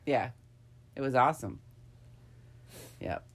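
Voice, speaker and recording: A woman co-hosting a podcast, telling a story in frank, profane, animated casual chat. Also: rumbling low, slow. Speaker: podcast co-host.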